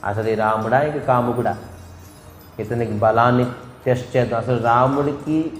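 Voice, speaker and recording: A man's voice: medium pitch, fairly even intonation, moderate pace. A man preaching a devotional storytelling sermon, asking and answering his own questions and imitating animal calls. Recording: echoey hall with faint music.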